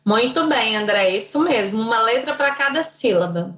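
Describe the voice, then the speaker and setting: A woman's voice: a little high, animated, moderate pace, fairly bright tone, echoey room, rough recording. A woman teaching an online class, patient and didactic, quizzing her students.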